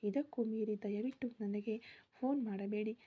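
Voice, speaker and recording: A woman's voice: medium pitch, steady tone, slightly rough, phone-quality sound, lightly acted. A woman voicing a proud, fiery young wife who scolds sharply. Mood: stern. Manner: sharp and scolding, rapid when angry.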